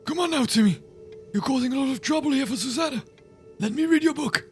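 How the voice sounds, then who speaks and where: A man's voice: extremely high pitch, fast talker, faint music behind. A man voicing a kindly, persistent old man in a tabletop game, pleading and coaxing. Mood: chiding, coaxing. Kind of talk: tabletop role-play.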